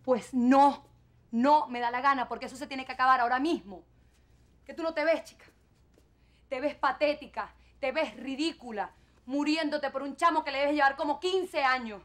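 A woman's voice: sits high, moderate pace, fairly bright tone. An actress with a Venezuelan accent playing a scornful young university-age daughter who scolds her mother in a telenovela. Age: young adult. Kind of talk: telenovela acting.

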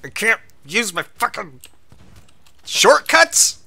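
Bright, animated man gaming. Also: fairly high pitch, moderate pace. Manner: swears a lot, yelps when startled. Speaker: gaming streamer. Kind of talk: casual gameplay chat.

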